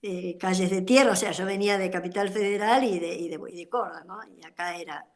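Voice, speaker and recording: An older Argentine woman tells her story over a video call. She rambles and fills her pauses with many hesitations. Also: medium pitch. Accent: Argentine Spanish. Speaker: guest speaker, former activist. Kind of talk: testimony in an online political talk.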